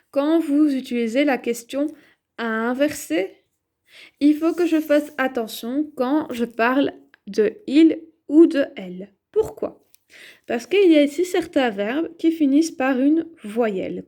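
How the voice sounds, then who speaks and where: A woman teaching a grammar lesson, explaining slowly and clearly and asking herself questions as she writes. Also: sits high, a little mellow. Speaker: French teacher.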